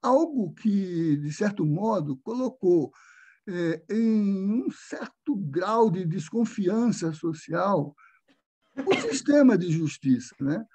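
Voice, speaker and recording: An older Brazilian man giving an academic lecture over a video call, speaking slowly and hesitantly with many fillers. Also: high-pitched, lively intonation, mellow, husky.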